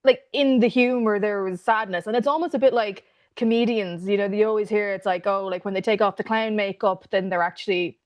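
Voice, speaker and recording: A woman hosting a casual podcast interview, giggly and quick with friendly interjections. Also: medium pitch, fairly even intonation. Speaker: podcast host.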